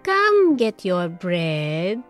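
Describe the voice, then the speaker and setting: Woman as a farm wife who bakes, homely, bustling, slow, lively pitch. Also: soft background music, heavily acted.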